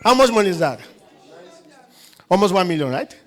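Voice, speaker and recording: A man preaching a sermon as pastor, with call-and-response and sudden loud bursts. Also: high-pitched, sing-song, moderate pace.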